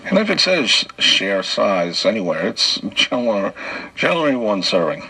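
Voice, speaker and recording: A man's voice: lowish voice, big pitch swings, normal speed, bright, forceful tone, slight background noise, poor audio. A man hosting his own podcast and telling wry, off-the-cuff jokes alone, chuckling between the bits. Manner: loose and off-the-cuff, with restarts. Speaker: podcast host. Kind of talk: solo comedic podcast monologue.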